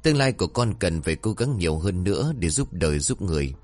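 A man voicing a sharp-tongued, bossy stepmother who scolds and lectures her daughter in a folk tale. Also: sits low, very animated, quick pace, faint music behind. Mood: scolding.

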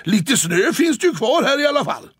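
A man's voice: extremely high pitch, sing-song, a bit bright, slightly rough, dry recording, voice pushed up, exaggerated voice. A man doing a cheerful, chatty tomcat. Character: cheerful young male ski-champion cat from the north. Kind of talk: audiobook character voice.

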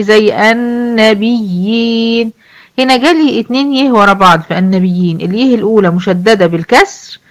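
Egyptian woman, tajweed teacher, asks questions and answers them herself, recites examples slowly. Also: mid-range voice. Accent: Egyptian Arabic. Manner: explains rules, then recites verses slowly.

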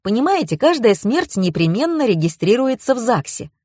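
A woman's voice: fairly high pitch, big pitch swings, normal speed, darkish tone, dry recording, clean studio sound, pitched above the performer's own voice. A woman voicing a young male computer expert who explains politely, in an audiobook. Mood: explaining.

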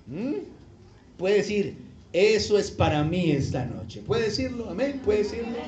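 A man's voice: high voice, lively intonation, a little slow, a little mellow. A man preaching a sermon as pastor, calling questions out to the congregation and repeating scripture lines over and over. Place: church service.

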